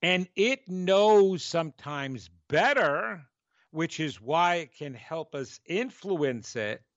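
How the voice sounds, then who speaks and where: A man's voice: a little high, lively intonation, slow, no echo. Emphatic New York man, dry dull sound. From New York, United States. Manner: emphatic, talks in stretched key words and acted-out dialogue. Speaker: radio show host and spiritual teacher. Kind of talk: conversational spiritual teaching monologue.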